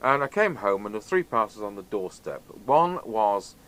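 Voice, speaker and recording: In this rough recording, a male video host who also works as a radio technician rambles casually through an unscripted product chat about radio gear. His voice sits lowish and fairly bright, with a sing-song lilt at a moderate pace, and there's clear background noise.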